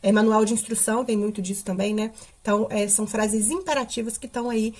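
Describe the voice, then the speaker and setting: A woman's voice: medium pitch, fairly even intonation, quick pace, a little mellow. A woman teacher, explaining a grammar lesson step by step and often adding checking questions. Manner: explanatory, with frequent tag questions.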